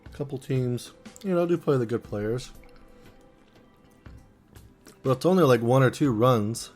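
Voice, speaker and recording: A man hosting a casual solo podcast, talking through his food in a playful, rambling way. His voice sits at an ordinary middle pitch, with a little music playing softly behind him. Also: animated, normal speed. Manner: playful, chatty, talking while eating. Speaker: podcast host.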